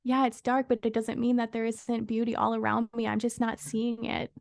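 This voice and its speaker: A woman guest on a podcast, candidly telling a personal story in an expressive, somewhat profane way. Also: fairly high pitch, moderate pace, gravelly, no echo, clean studio sound. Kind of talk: casual storytelling.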